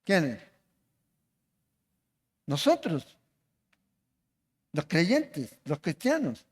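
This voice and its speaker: A man's voice: on the high side, huge pitch swings, drawn-out words, slightly rough. A man preaching a sermon as pastor, asking the congregation questions as he goes. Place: church hall. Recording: long reverb of a church hall.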